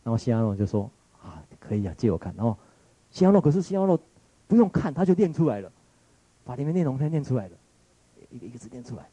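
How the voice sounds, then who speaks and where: A man's voice: mid-range voice, very animated, fast, long pauses, mellow, slightly rough, dry recording, rough recording. A man with a Taiwanese Mandarin accent giving a reflective lecture, retelling a story in a musing way, often searching for words and restarting.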